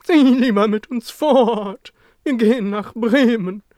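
A storyteller voicing an old female work horse in a raised, drawn-out, cheerful voice. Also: medium pitch, a little mellow, dry recording, clean studio sound, pitched above the performer's own voice, close to an everyday voice. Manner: slow, drawn-out, upbeat coaxing. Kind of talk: storybook reading.

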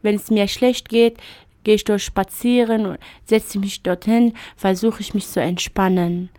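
Telling the story of her life on the radio, the Arabic-speaking woman talks in German, pausing thoughtfully and using fillers now and then. The recording is dry, and her mellow mid-range voice stays fairly even and a little slow.

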